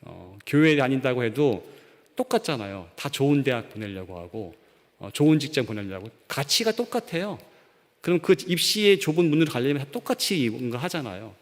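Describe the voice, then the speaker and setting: A male pastor preaches in a church with long reverb, his voice rising and falling a lot. He talks in an easy, conversational way and tells stories. His pitch sits in the middle range. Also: big pitch swings, brisk. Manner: conversational storytelling, acts out quoted voices. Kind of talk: sermon. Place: church sanctuary.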